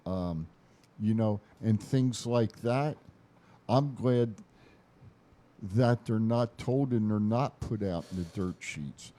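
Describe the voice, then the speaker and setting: A man co-hosting a wrestling podcast in casual chat, talking slowly and haltingly with many restarts. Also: on the low side, warm tone. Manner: slow, hesitant, many fillers and restarts. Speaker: podcast co-host.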